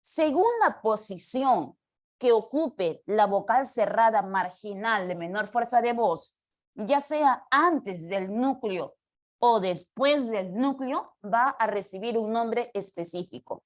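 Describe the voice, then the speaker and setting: Woman, teacher, classroom lecture, questioning the class, higher voice. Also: animated, slow pace. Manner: explanatory, asks the class questions.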